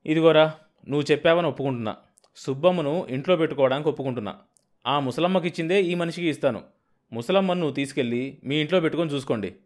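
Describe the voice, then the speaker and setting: A hot-tempered, stingy village farmer in an audiobook, as a male narrator puts him on. He talks loud and brusque, with a voice pitched up above the reader's own. Every line comes out as a blustering complaint. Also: quick pace, natural voice.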